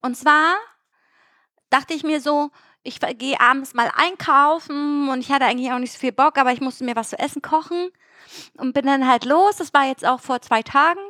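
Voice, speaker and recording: Young woman, high voice, dry close sound, animated swearing storyteller in casual chat. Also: normal speed, no echo. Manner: animated, swearing, acts out dialogue.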